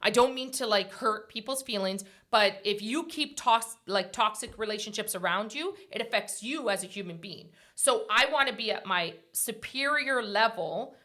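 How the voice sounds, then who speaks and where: A woman's voice: medium pitch, lively intonation, moderate pace, hardly any pauses, bright, forceful tone. A woman in her forties hosting a casual motivational talk show. She speaks emphatically, repeats her points and often ends with "right?". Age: 40s. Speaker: podcast host.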